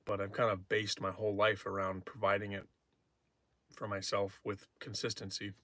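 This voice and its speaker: A man's voice: lowish voice, monotone, normal speed, sharp tone. A young man on a livestream, talking candidly and reflectively in a casual way, often trailing off and restarting his sentences. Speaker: poetry livestreamer.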